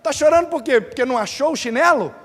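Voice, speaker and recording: A man voicing a stern mother scolding her whining son in quick, sharp bursts. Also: very high-pitched, lively intonation, pitched above the performer's own voice. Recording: reverberant church hall.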